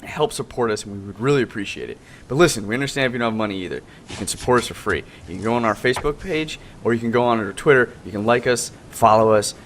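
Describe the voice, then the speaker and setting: Man, informal talk show host, rambling delivery, online call, slight rumbly noise behind. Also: lively intonation, fast talker, few pauses, fairly bright tone. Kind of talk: casual hosting and panel chat. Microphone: online group call. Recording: noisy, low background rumble.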